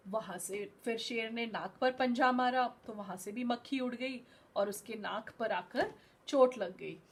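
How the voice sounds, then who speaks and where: A woman's voice: on the high side, breathy edge. A woman school teacher in an online class, reading a story aloud and patiently explaining words, mixing in English terms. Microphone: video call.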